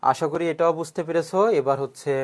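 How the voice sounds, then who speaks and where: A male coaching teacher giving an online grammar lecture, drilling students with repeated questions and answers, joking with threats and often clearing his throat. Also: fairly high pitch, fairly even intonation, quick pace. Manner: jokingly threatens students who have not shared the class.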